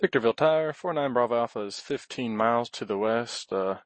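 A man speaking as a pilot over a headset, making brisk, procedural radio calls to air traffic control. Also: mid-range voice, no echo.

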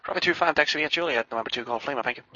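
A man's voice: a little high, rapid-fire, pushed and bright, dry recording. A man flying as a jet pilot, making courteous, procedural requests and readbacks over aviation radio. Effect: aviation radio transmission. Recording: dull band-limited dry radio.

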